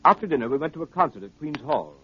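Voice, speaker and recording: A man playing a loyal gentleman doctor, husky, measured and earnest, in a 1930s radio drama. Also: a little high, sing-song. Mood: reflective. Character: loyal gentleman doctor narrating his detective friend's adventures. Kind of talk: 1930s radio acting, scripted narration. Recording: dull vintage 1930s radio recording.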